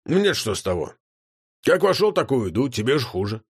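A man's voice: medium pitch, sing-song, fairly quick, slightly rough, dry recording, studio quality. A man voicing a cheeky, potbellied male chaos creature who mocks and lectures in a folksy way. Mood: mocking.

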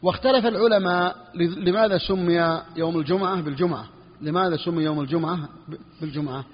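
A man teaching a lesson on Islamic jurisprudence, repeating each phrase for his students and clearing his throat now and then. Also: a little high, quick pace. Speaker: sheikh teaching Hanbali jurisprudence. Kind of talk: classroom lesson on a fiqh text. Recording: dull, lo-fi recording with long reverb.

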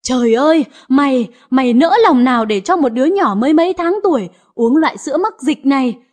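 The figure is an aging mother , played by a woman narrator, who scolds with sharp words. The voice sits high and slightly husky, in a read-aloud audio story. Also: expressive, normal speed. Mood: furious. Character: stern grieving elderly mother, family matriarch.

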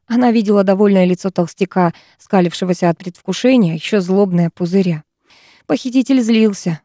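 A woman reading a dramatic story aloud as an audiobook narrator, in steady storytelling. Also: mid-range voice, no echo, clean studio sound. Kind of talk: scripted narration.

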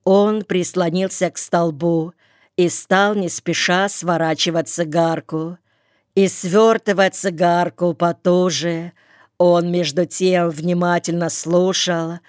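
Slow, flat-voiced woman audiobook narrator. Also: lowish voice, clean tone, no room sound, studio quality. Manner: calm, measured reading. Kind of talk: scripted narration. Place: recording studio.

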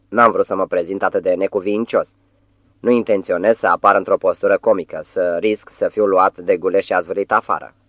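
A man voicing a vain, cheeky talking tomcat jester with a falsely warm, huffy manner. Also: deep voice, dry recording. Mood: haughty.

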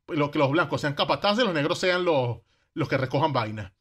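A man's voice: a little high, lively intonation, brisk, fairly bright tone, slightly rough. A man with a Venezuelan Caribbean Spanish accent telling history casually, in slangy everyday speech, asking rhetorical questions and acting out quotes.

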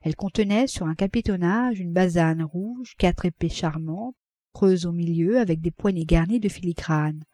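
A woman reading a classic novel aloud as an audiobook, in a measured narrating voice. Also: no room sound, studio quality. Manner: measured, voices characters with raised pitch and loudness. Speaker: audiobook reader.

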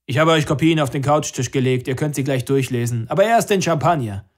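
A man voicing a brash, nervous young man who plays the jovial host, talking loudly and pushily. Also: medium pitch, a little fast, voice pushed up, natural voice. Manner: loud, jovial, pushy.

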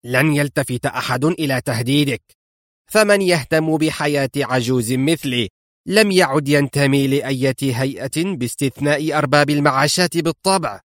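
A man's voice: medium pitch, moderate pace, no room sound, studio quality, natural voice. A man reading an audiobook and voicing a cunning, smug old male villain in a wheelchair. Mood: sly, smug. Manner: smug, mocking, theatrical.

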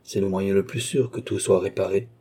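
Lovesick young man, humble, pleading, read by a man with a husky, warm tone. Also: low voice, steady tone, fairly quick. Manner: pleading, humble, breathless apologies. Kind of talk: audiobook character voice.

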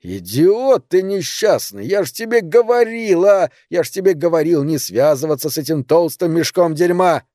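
A man's voice: a little high, very animated, moderate pace, warm tone, dry recording, studio quality. A man voicing a blunt, cowardly male friend who scolds and swears impatiently. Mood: exasperated.

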